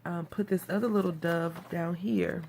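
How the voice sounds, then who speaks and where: At a moderate pace, a woman from Texas USA talks in a low-ish, darkish voice with vocal fry and fairly even intonation, nasal because she has a cold. She hosts a relaxed card-making tutorial, chatty, wandering and self-deprecating, over a slight hiss or hum.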